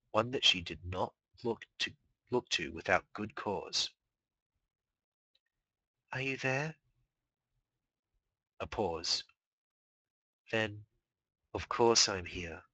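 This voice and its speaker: A man reading fan fiction aloud live in an expressive storytelling manner. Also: fairly low pitch, slightly rough, no echo, low-quality recording. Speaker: fanfiction reader.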